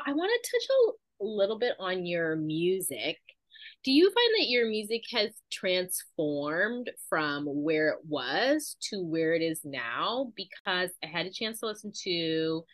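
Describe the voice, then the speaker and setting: A woman hosting a podcast interview in casual chat, reflective and animated when she quotes herself, and a mother herself. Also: on the low side, a little slow, dry recording. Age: adult with children. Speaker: podcast host.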